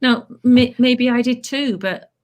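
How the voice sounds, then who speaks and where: A middle-aged woman who teaches clowning, telling stories in a chatty, animated way. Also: a little high, measured pace. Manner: chatty, animated storytelling with playful asides. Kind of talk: casual chat.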